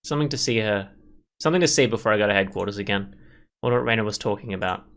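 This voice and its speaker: A man hosting a gameplay video plays through a visual novel, reading its text aloud and drifting into rambling, opinionated commentary. His voice is fairly low and bright, and he talks rapid-fire.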